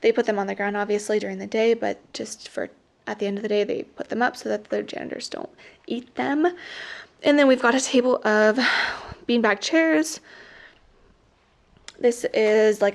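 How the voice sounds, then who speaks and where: A young woman teacher chats her way through a classroom tour, rambling and full of filler words as she walks the room with her camera. Her voice sits a little high with a gravelly fry at the ends of phrases, and she sounds slightly out of breath from moving around. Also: steady tone, normal speed. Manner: chatty, rambling, many "like" fillers. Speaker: teacher and vlogger. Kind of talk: casual classroom tour vlog. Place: classroom, indoors.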